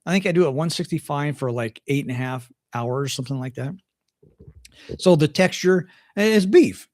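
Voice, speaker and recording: A man's voice: a little high, lively intonation, moderate pace, dry recording, studio quality. An older man hosting a casual livestream chat from home, folksy and chatty, often restarting his sentences. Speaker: host.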